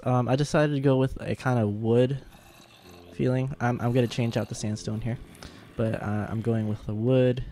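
A young man giving halting, casual gameplay commentary, sounding sick with a sore throat and swollen tonsils. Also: mid-range voice, a little mellow. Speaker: gaming video host.

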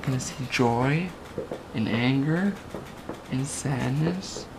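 A mother talks softly in a deep, gravelly voice, her words slow and sleepy. She is off-mic in a home video, with clear noise behind her. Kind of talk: casual family chat at home.

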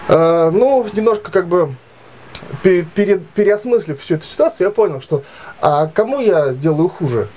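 Late 30s guy vlogging his complaint to camera, slightly high voice, lots of ums and restarts. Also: a little mellow. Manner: halting, many fillers and restarts, aggrieved retelling. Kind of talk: casual storytelling to camera. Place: small indoor room.

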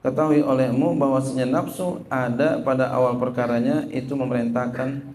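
A man's voice: mid-range voice, brisk, slight background noise. A man teaching a religious text as a sermon, repeating his points and asking the audience questions he answers himself, reading Arabic and translating it. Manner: lively, repetitive, asks the audience and answers himself; reads Arabic phrases then translates them. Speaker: Islamic teacher.

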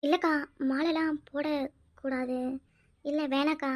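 A woman in a cartoon voices a young woman with a very high, almost childlike pitch. Her lines come out pleading and tearful, with frequent catches in the voice. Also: steady tone, unhurried. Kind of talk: cartoon voice acting, several roles.

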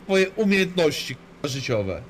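Foul-mouthed streamer, lively swooping voice. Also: male voice, on the high side, measured pace, a little hiss or hum. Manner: crude, swears constantly, banters and mocks. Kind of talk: live gaming commentary.

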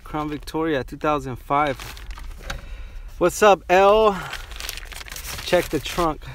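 A man live-streaming a vlog from an outdoor car auction, chatting excitedly with viewers and thanking them over and over. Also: fairly high pitch, takes it slowly, a little hiss or hum. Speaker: vlogger.

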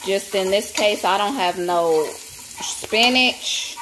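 A woman's voice: mid-range voice, takes it slowly, noisy background. A woman, chatting casually to viewers while she cooks in her home kitchen, filmed on a phone held close. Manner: relaxed, chatty, talks to viewers as y'all. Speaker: home cook vlogger. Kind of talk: casual cook-with-me chat. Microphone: phone camera held close.

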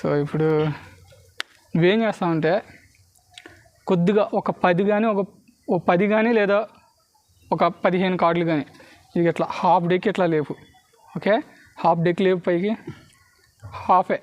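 A man's voice: high voice, fairly even intonation, a little slow, pauses often, a little mellow, no room sound, muffled recording. A man with a Telugu accent giving street performer patter for a card trick, mixing in English words and constantly checking that spectators follow. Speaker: street magician.

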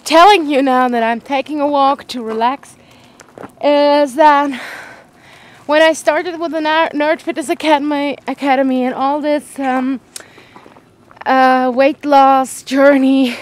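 A young woman vlogging outdoors on an evening walk while holding the camera, a little tired from a cold and slightly out of breath, talking in a gentle, reflective way with pauses and restarts. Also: high-pitched, fairly even intonation. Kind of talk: casual vlog while walking. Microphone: handheld camera.

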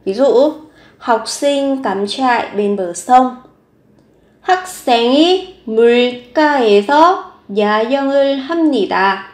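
A woman teaching Korean vocabulary, slowly repeating each word and example sentence. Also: a little high, darkish tone. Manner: slow, careful repetition of each word. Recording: echoey room.

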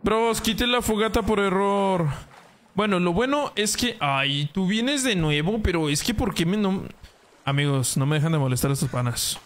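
A man's voice: sits high, lively intonation, normal speed, a bit bright. A young man streaming a video game live, chatting casually, yelping at setbacks and greeting viewers by name. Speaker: gaming streamer. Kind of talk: casual live gameplay commentary.

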